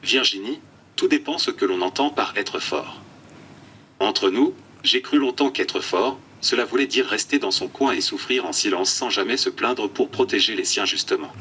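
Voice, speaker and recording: Bright synthetic male text-to-speech voice. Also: on the low side, moderate pace, far from the mic, slight background noise. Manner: even, scripted delivery like a speech synthesizer. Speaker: interview guest. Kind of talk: prepared answers read by speech synthesis.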